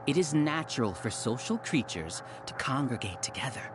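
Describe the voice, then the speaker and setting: An actor playing an arrogant villain researcher who leads a hive mind, giving grandiose, condescending monologues in a video game. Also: male voice, medium pitch, big pitch swings, normal speed, background noise, lightly acted. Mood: smug lecturing.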